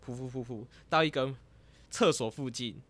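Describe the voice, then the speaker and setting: A man casually retelling a dream in a rambling, lively way as a vlogger. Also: medium pitch, normal speed. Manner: rambling and lively, grows excited as the story goes on.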